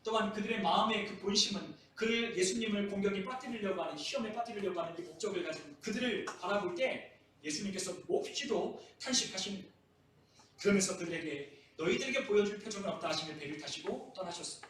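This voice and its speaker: A man's voice: high-pitched, fast, fairly bright tone. Man, pastor, sermon, dramatic quoted lines, echoey sanctuary, faint room noise. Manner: preaching with dramatic voiced quotes. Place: church sanctuary. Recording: echoey church hall from far off.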